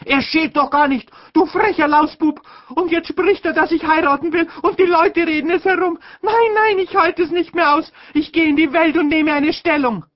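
A man voicing a young woman, a sister, upset and tearful, in a shrill crying outburst, in a dull lo-fi audiobook recording. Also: moderate pace.

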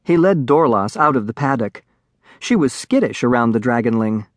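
An expressive male narrator reading a children's story, his pitch rising and falling widely. His voice sits at a middle pitch, and the close studio recording is dry. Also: normal speed, no room sound. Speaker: audiobook narrator. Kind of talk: scripted children's audiobook narration.

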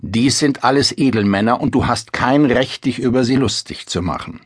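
A man's voice: mid-range voice, animated, moderate pace, slightly rough, dry recording, studio quality. A man voicing an old king who earnestly admonishes his daughter in a storybook reading. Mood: admonishing. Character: old king, stern but loving father.

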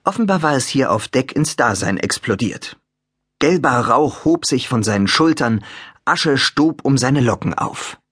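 Male audiobook narrator, husky, lively melody, dry studio sound. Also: mid-range voice, a little slow, dry recording. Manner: expressive, even storytelling. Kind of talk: scripted narration.

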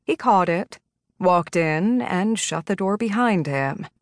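Brief: woman audiobook narrator, lowish voice, dry close sound, steady measured reading. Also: dry recording.

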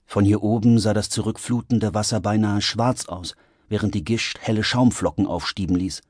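A man narrating an audiobook in a vivid, expressive storytelling manner. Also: lowish voice, moderate pace, dry recording. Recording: dry studio recording.

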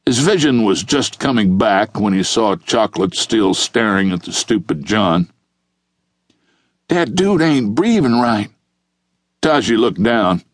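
A man narrating a crime audiobook in a steady, measured reading. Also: on the low side, no echo.

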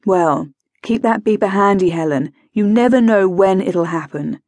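A woman voicing a calm, practical male doctor who speaks in a brisk, matter-of-fact way, in a dry close recording. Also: mid-range voice, no room sound, close to an everyday voice.

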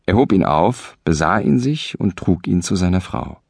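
Male audiobook narrator, low gravelly voice, animated delivery, dry close sound. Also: no echo. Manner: measured, expressive storytelling. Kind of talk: storybook reading.

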